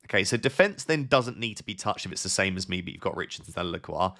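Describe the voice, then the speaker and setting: Gravelly low-voiced man streaming live. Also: expressive, pushed and bright. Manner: reads viewer messages aloud and gives quick advice; thinks aloud with fillers and restarts. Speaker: live-stream host answering chat. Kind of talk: casual live-stream chat.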